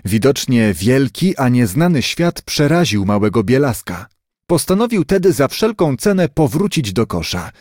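Man reading a kids storybook aloud, bouncy lively pitch, dry close sound. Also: normal speed, no room sound. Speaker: audiobook narrator. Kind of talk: scripted storybook narration.

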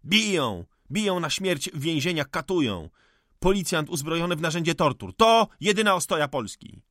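A man's voice: fairly high pitch, very animated, normal speed, a bit bright, no room sound, voice pushed up. A fiery, indignant young man, as a male reader puts him on in an audiobook, hurling accusations in a raised, strained voice. His delivery swings and climbs with passion, and the recording is dry and close. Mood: impassioned. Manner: impassioned, accusing outbursts.

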